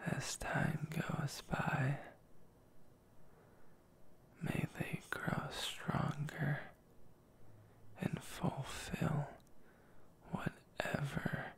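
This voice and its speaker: A man in a whispered role-play as a devoted, tender boyfriend, reading a love letter in a breathy, creaky whisper. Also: fairly high pitch, flat delivery, extremely slow, long pauses. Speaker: ASMR boyfriend role-player.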